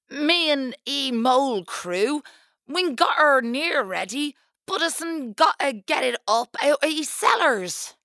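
A man voicing an earnest male mole digger who speaks a thick rustic mole dialect in a slow drawl. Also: extremely high pitch, vocal fry, bright, forceful tone, no echo, studio quality, pitched above the performer's own voice, full character voice.

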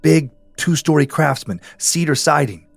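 A man voicing a frightened young man trapped in a deadly house, asking tense, cursing questions in a hushed voice. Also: on the high side, lively intonation, unhurried, gravelly, no echo, soft background music, heavily acted.

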